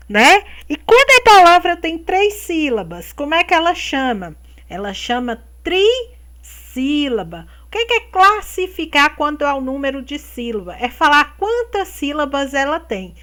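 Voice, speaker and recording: A high-pitched woman teacher talks to young children in a slow, deliberate way, stretching out each word. Her voice is bright and swings widely in pitch. She keeps checking in with the class through little tag questions. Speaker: primary school teacher. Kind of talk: remote classroom lesson for children.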